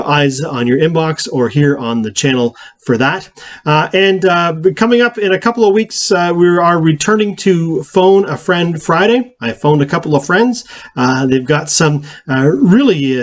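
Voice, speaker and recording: A male pastor giving weekly church announcements, speaking haltingly with many fillers and restarts. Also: fairly high pitch.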